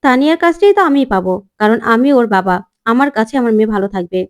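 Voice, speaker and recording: A man's voice: extremely high pitch, expressive, rapid-fire, clear, resonant tone. A woman voicing a smug, scheming father who mocks his estranged wife, in a taunting, sarcastic manner, as she narrates a serial's episode.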